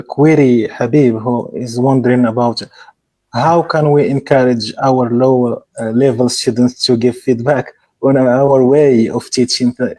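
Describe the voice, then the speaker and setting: A man's voice: mid-range voice, dark tone, no echo. Dry-sounding male webinar moderator. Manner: hesitant, many "uh" fillers, polite. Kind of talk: moderating a Q&A, reading out audience questions.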